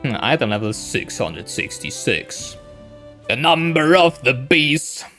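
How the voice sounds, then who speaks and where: Soft music sits behind a man whose medium-pitched voice has lively intonation, a slow pace and a sharp edge. He's streaming a game in English, which isn't his native language. The talk is loose and rambling, peppered with "right?"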